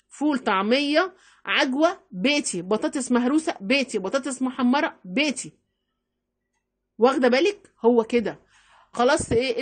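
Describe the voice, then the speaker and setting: A middle-aged woman with an Egyptian accent giving chatty, animated household money-saving advice, repeating herself for emphasis. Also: on the high side. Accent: Egyptian Arabic. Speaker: home-economy vlogger. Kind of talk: casual advice talk to camera.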